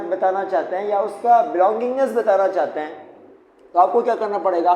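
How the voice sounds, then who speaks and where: A man with a high, darkish voice teaches English grammar at a whiteboard, patiently walking through each step and repeating the key points. The classroom recording is echoey, with faint background noise.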